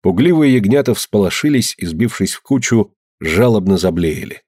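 A man's voice: fairly low pitch, animated, normal speed, a little mellow, husky, no echo. Man reading a village story aloud, dry sound. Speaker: narrator. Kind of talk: audiobook narration.

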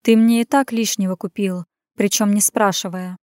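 A woman's voice: medium pitch, steady tone, normal speed, darkish tone, no echo, studio quality, close to an everyday voice. A woman voicing a shy but proud young woman who answers back with sulky, teasing replies.

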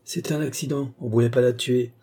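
Brief: defiant, raised-voice woman murderer, harsh and taunting, played by a male reader, husky tone. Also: medium pitch, fairly even intonation, a little fast, mellow, close to an everyday voice. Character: bitter, defiant village woman who killed her husband.

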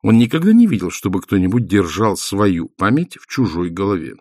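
A man narrating an audiobook in an expressive, storytelling manner. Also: fairly low pitch, a little fast, no room sound, studio quality. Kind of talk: scripted narration.

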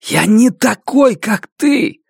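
A hoarse, desperate young musician breaks into strained, high-pitched cries, as a man reading the story puts him on. He sounds wracked with guilt. The recording is dry and close, like an audiobook. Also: expressive, normal speed, dry recording. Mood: anguished.

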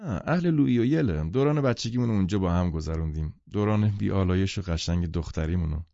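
A man's voice: low voice, animated, gravelly, dark tone, no room sound, muffled recording. A man narrating an audiobook who voices a playful, insistent young woman, a wealthy socialite. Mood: teasing.

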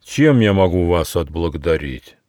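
A man's voice: low voice, expressive, normal speed, no echo, clean studio sound. A man doing a lonely, grand old tiger king. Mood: grateful. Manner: weary, grand, loud. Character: big lonely feared male tiger, king of the jungle.

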